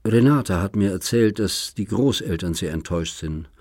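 A man's voice: deep voice, lively intonation, normal speed, a little mellow, no echo, studio quality. A man reading an audiobook, voicing a bitter young woman in a hospital bed who accuses and mocks in a biting, sarcastic way. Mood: hurt. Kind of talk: audiobook character voice.

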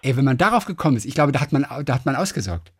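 Husky man with a lively voice, chatting. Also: medium pitch, racing. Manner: rambling, reads facts aloud, self-correcting. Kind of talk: casual chat.

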